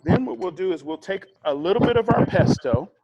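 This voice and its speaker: A man's voice: high-pitched, fairly quick, dull audio, heavy background noise. Chatty man demonstrating a recipe. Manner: chatty, relaxed, with fillers and asides. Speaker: cooking instructor. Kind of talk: casual cooking demonstration.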